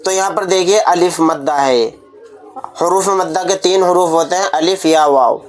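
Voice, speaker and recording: A man's voice: sits high, moderate pace, faint music behind. A man teaching Quran reading, spelling out letters one by one and drawing out the long vowels so students can repeat after him. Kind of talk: step-by-step recitation lesson.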